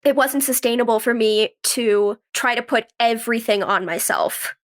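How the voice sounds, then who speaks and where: A podcast guest who is a young actress and writer speaks at normal speed in a fairly high voice. Relaxed and conversational, she recounts her story, often using "like" and quoting things she said or thought.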